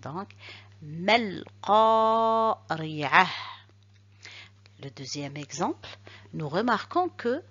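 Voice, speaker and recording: Slow, careful woman teacher, husky voice. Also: mid-range voice, fairly bright tone, dull audio. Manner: slow, careful, repeats examples syllable by syllable. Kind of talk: recorded reading lesson.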